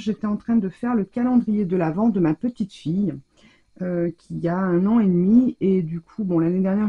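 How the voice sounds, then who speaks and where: A woman's voice: mid-range voice, husky, lo-fi sound. A middle-aged woman hosting a casual craft tutorial, chatting along with many fillers and hesitations as she shows her work. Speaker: crafting channel host.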